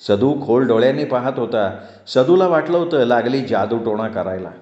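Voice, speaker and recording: A male storyteller reads a novel aloud in a steady, measured way. His voice sits in the middle range, and the recording is roomy and a bit dull. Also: mid-range voice. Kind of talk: novel reading.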